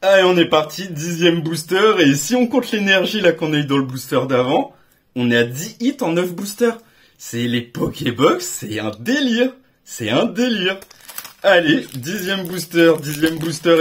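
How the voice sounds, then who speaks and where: A young man hosting a card-opening video, giving excited, slangy commentary and exclaiming loudly at every good pull. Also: fairly high pitch, normal speed, slightly rough. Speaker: card collector and channel host.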